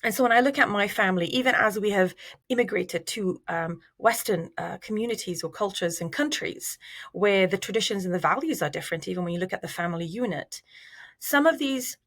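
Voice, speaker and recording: A middle-aged woman from Iraq, a researcher giving measured, thoughtful interview answers with fillers and restarts. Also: mid-range voice, a bit bright. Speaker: researcher guest.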